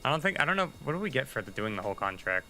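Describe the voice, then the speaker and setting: Guy streaming a game, really bright voice, mid pitch, just chatting and thinking out loud, faint hum behind. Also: big pitch swings, rapid-fire, faint music behind, poor audio. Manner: chatty, thinking aloud, muttering asides to himself. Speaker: livestreaming gamer. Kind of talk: casual gameplay commentary.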